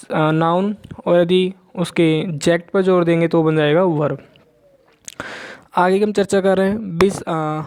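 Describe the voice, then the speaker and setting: A male teacher with an Indian accent lecturing students. He reads English lines slowly, then explains and repeats each point in Hindi. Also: high voice, a little mellow, smooth. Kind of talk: classroom lecture.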